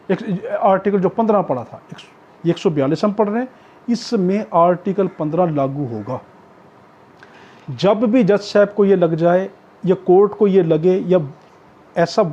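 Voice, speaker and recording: Reading provisions and then explaining them in other words, a Pakistani male law lecturer teaches didactically, going back over each point. His voice is high-pitched, husky and mellow, heard through a dull, muffled lo-fi recording.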